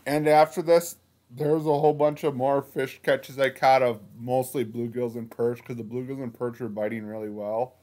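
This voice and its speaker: Young male fishing vlogger, casual voice-over, rambling, mid pitch. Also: steady tone, normal speed, mellow. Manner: rambling, with frequent restarts over product names. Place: outdoors on a frozen lake, windy.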